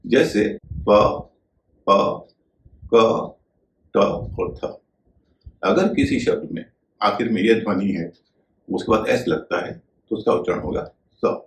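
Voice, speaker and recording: A male teacher giving a video lesson on pronunciation, speaking in a measured way and spelling words out letter by letter. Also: fairly low pitch, roomy sound, slight background noise, rough recording.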